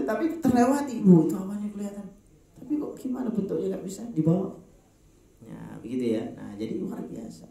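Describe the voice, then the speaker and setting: A man preaching with a Javanese accent, his pitch leaping around as he jokes and acts out small exchanges. The sound rings with echo from the open space around him. It feels like an informal religious talk. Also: vocal fry, warm tone, slight background noise. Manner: jokey, acts out little dialogues, laughs often. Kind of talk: relaxed Quran study talk to an elderly group. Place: outdoor park gathering.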